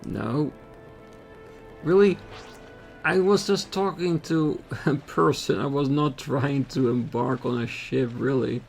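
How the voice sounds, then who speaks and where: A man's voice: mid-range voice, fairly even intonation, slow pace, creaky, a little mellow. A man hosting a let's play with casual, hesitant, rambling commentary as he plays. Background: game music.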